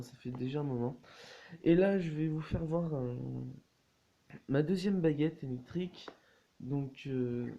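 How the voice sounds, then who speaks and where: A man's voice: fairly high pitch, mellow. Hesitant man with dull lo-fi sound. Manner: hesitant, many fillers and restarts. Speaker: collector showing wands. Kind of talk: casual unboxing vlog.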